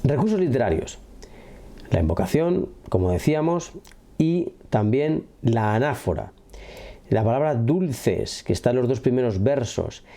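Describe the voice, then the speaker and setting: Lively man teaching a literature lesson. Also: medium pitch, unhurried. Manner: lively, keeps checking in with listeners. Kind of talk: classroom lesson explaining a poem.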